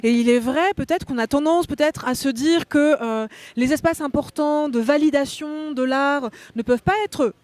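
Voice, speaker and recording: A woman with a high, slightly mellow voice speaks at a moderate pace with hardly any pauses, in a dry recording. She was born in Belgium, grew up in France, and appears as a guest philosopher on a cultural talk show, set in a hotel meeting room. Academic and articulate, she explains ideas at length.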